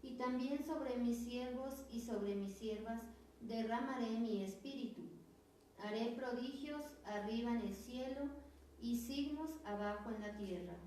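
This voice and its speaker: A Mexican woman in a Bible class reads scripture aloud at a slow, careful pace. Her voice is mellow and a little high. It is picked up from a distance in a very echoey room with faint noise. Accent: Mexican Spanish. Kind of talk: reading a Bible passage aloud. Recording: roomy echo, distant mic, faint noise.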